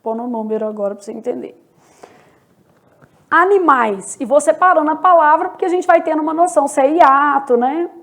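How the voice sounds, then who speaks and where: A woman's voice: high-pitched, brisk. A woman teaching Portuguese in an online lesson, explaining step by step and often checking in with the viewer. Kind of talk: online exam-prep lesson.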